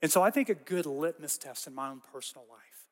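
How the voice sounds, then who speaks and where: A man preaches in a relaxed, conversational way, spinning stories with lively asides. His voice sits a little high for a man. The sound carries a long reverb from a large church hall. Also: a little fast. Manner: casual, animated storytelling with frequent "like" asides. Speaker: pastor. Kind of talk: conversational sermon.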